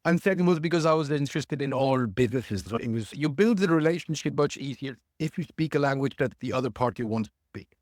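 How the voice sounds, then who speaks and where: On a remote call, a man guesting on a podcast chats casually, thoughtful but somewhat halting, often pausing to rephrase. His voice is at an ordinary male pitch, expressive and darkish, and the audio is dry, with no room echo.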